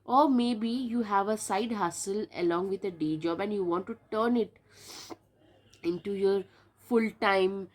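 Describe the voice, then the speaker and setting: A woman's voice: mid-range voice, unhurried. A woman with a stuffy nose from a cold, chatting casually to camera as she gives a tarot reading, with lots of fillers and repeated words. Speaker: tarot reader.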